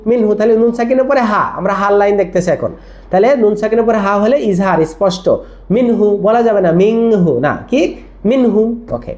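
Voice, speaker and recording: A patient tajweed teacher, spelling each word letter by letter before drilling it slowly. The voice sits in a middle pitch. The recording sounds dull and lo-fi. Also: a little mellow. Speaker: Quran reading teacher. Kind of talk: tajweed lesson for teachers of children.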